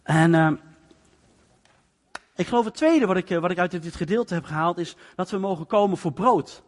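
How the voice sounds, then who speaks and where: A male preacher explains scripture in a loose, conversational sermon, stepping into the story's scenes as he goes. His voice sits high for a man. The sound carries the long reverb of a large hall. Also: animated, normal speed.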